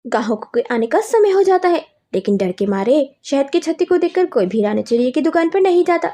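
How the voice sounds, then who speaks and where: Reading a children's cartoon story from a script, a woman narrates briskly and expressively with a dramatic storyteller's delivery. Her high voice swoops with animated intonation.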